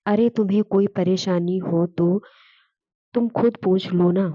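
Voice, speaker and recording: A woman's voice: mid-range voice, steady tone, unhurried, dry recording, dull audio, close to an everyday voice. A woman voicing a young husband who brushes off his wife's worries in a storybook reading. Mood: offhand. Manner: brushing things off. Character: young husband, evasive and offhand.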